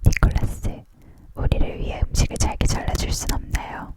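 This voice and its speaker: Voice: moderate pace, close to an everyday voice. Whining little fairy chief, whispered by a reader, whispered role-play. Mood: pleading. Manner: whining, aggrieved. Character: plump little fairy chief, complaining small trader.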